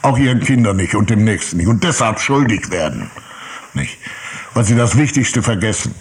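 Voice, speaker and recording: A man's voice: lowish voice, normal speed. An older man, a pastor, preaching a sermon and telling personal stories, often adding "nicht?" and acting out the voices of people he quotes. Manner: lively storytelling, acts out quoted voices, frequent tag "nicht?".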